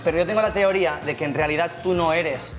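A man's voice: on the high side, fast. A man with a Spanish accent from Spain improvising a mock-grandiose, sweary comic bit on a talk show. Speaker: comedy show contributor. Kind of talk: improvised comic monologue and banter. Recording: music and crowd behind the voice.

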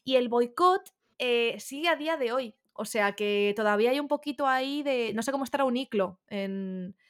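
A woman's voice: a little high, normal speed, smooth. A woman from Spain co-hosting a podcast in casual chat, playful and chatty, acting out quoted voices. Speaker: podcast co-host.

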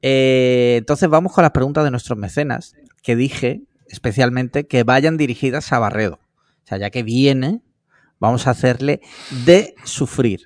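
Spanish guy hosting a podcast, jokey, middle pitch, dry close mic. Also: unhurried, no room sound. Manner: jokey, reads listener questions aloud. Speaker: podcast host. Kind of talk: casual podcast chat.

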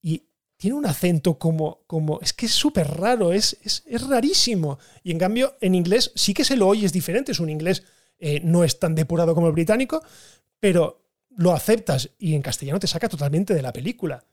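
A man with a Spanish accent from Spain, chatting casually about films in an animated way, laughing and swearing now and then. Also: high voice, brisk. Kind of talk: casual film discussion.

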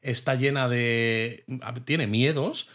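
A man's voice: medium pitch, takes it slowly, fairly bright tone. Man chatting, thoughtful tag questions. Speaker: podcast co-host. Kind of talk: casual chat reviewing a TV episode.

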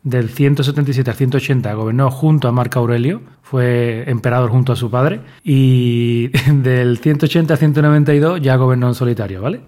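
A man from presents a history segment on a podcast. He talks in a joking, informal and chatty way, with a voice that sits in a middle pitch. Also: fairly even intonation, brisk, hardly any pauses, dark tone. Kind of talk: casual comedic chat.

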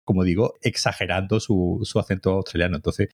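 A podcast co-host chats casually while reviewing a cartoon, hesitating often, using many fillers and restarts, and agreeing a lot. He has a deep, steady voice and talks fairly quickly.

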